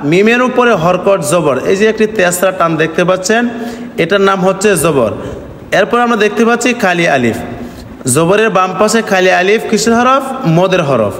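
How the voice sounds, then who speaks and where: A man's voice: high-pitched, lively intonation, a bit bright, a little hiss or hum. Chanting male teacher in an echoey hall. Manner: spells letters, then chants the syllables slowly; asks questions and answers them himself. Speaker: Quran teacher. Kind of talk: recorded reading lesson.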